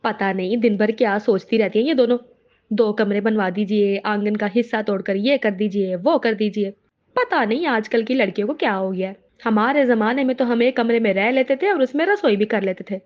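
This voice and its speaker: A woman's voice: mid-range voice, moderate pace, dull audio, lightly acted. A woman voicing a stern, irritable older mother-in-law who grumbles and scolds in a cartoon drama. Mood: grumbling. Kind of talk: Hindi cartoon drama voice acting.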